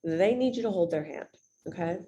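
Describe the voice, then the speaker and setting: A woman with a slightly low voice gives sales coaching over a video call. She talks fast and bluntly, plain and direct with her listeners. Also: lively intonation, dark tone, lo-fi sound. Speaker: real estate agent and sales coach.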